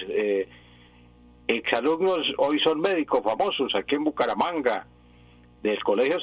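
A man's voice: mid-range voice, no room sound, highs cut off. A man, a language expert answering listeners' questions on a radio show, explaining at length and drifting into anecdotes. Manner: digressive, anecdotal.

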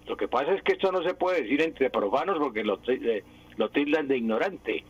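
A man gives a didactic explanation on the radio, drilling words over and over. His voice is husky and a bit breathy. The sound is dull and lo-fi, like an AM broadcast. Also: mid-range voice, expressive, a little fast. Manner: didactic, repeats words to demonstrate pronunciation. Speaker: language expert on radio.

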